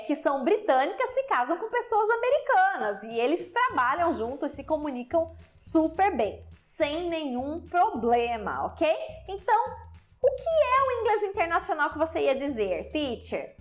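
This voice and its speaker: A Brazilian woman who teaches English, speaking to viewers in a lively, chatty way. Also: high-pitched. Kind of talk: explaining to viewers.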